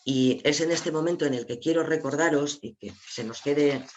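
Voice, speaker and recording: A man's voice: fairly high pitch, normal speed, lo-fi sound, slight background noise. Man presenting slides in a webinar. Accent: Asturian Spanish. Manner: explanatory, addresses viewers directly, sharing slides. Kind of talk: online seminar presentation.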